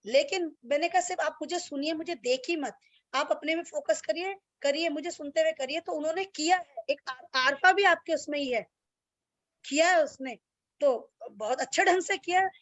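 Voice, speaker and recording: A woman's voice: high-pitched, moderate pace, no room sound. A woman yoga teacher speaking bluntly and plainly to her students over a video call. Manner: blunt and straightforward, self-described strict. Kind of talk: online class talk with students. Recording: dull lo-fi video call audio.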